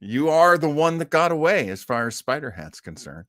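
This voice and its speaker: Chatting jokily with viewers on a casual live stream, a male actor chuckles frequently as he talks. His voice is a little high, sing-song, and fairly bright at a normal speed, with clean studio sound and no echo.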